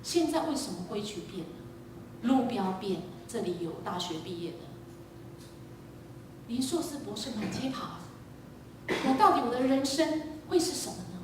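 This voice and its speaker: A woman preacher giving a sermon, telling a lively story and quizzing the congregation. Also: fairly high pitch, moderate pace, long pauses, noisy background. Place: church sanctuary. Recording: echoey church hall, distant mic.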